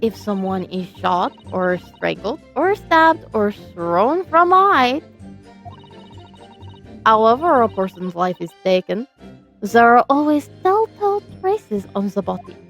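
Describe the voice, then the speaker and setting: A woman's voice: fairly high pitch, sing-song, slow pace, a bit bright, faint music behind, heavily acted. A woman voicing a prim young female witness in a game, with a put-on French accent and a condescending manner. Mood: haughty.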